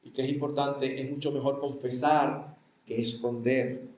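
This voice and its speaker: A man's voice: mid-range voice, level tone, a little slow, a little mellow, echoey room. An older man with a Dominican Spanish accent, a pastor giving a conversational sermon that slips into acted family dialogue. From Dominican Republic. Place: church hall.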